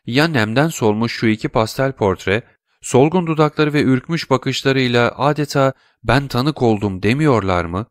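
A man voicing a calm, mysterious count with a measured, insinuating manner. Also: mid-range voice, no echo, clean studio sound, voice pushed up, lightly acted.

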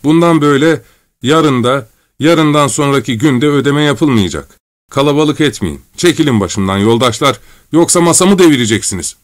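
A man's voice: medium pitch, animated, unhurried, hardly any pauses, no room sound, clean studio sound, voice pushed up, lightly acted. A man voicing a harried male office cashier who pleads with a crowd in a raised voice, read as part of a storybook. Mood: harried pleading.

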